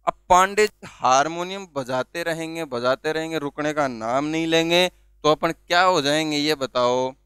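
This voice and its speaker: A man's voice: fairly high pitch, normal speed, fairly bright tone, clear, resonant tone, dry recording. A man teaching vocabulary, asking questions and answering them himself and spelling words out letter by letter. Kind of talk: classroom-style video lesson.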